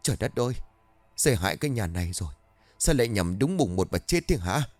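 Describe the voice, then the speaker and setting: Man doing an old landlord, cruel and cold, barking commands, low voice, lively swings, faint music. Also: quick pace, no echo. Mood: shocked.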